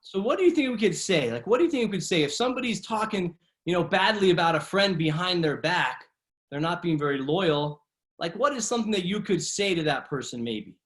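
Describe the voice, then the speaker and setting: A man's voice: high voice, expressive, a little fast, fairly bright tone. A man coaching a children's martial arts class in a casual, encouraging way, often checking in with a tagged "right?". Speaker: kids' martial arts instructor. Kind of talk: upbeat class coaching and discussion. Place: online video class run from home.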